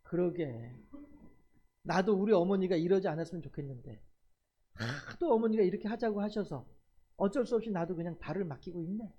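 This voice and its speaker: A man voicing a calm, dutiful village son who answers in a low, mild, resigned way. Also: a little fast, husky, muffled recording.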